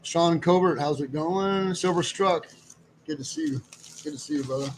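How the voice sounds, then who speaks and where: A man's voice: fairly high pitch, moderate pace, slight background noise, rough recording. A man hosting a live stream, talking casually and rambling as he greets viewers and goes through items. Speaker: live stream host running a silver auction.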